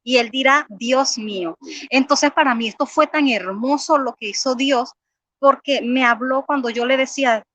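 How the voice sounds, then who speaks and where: A woman's voice: sits high, moderate pace, fairly bright tone, no echo. A woman giving an earnest personal faith testimony, reading scripture aloud and often repeating words as she pleads with listeners.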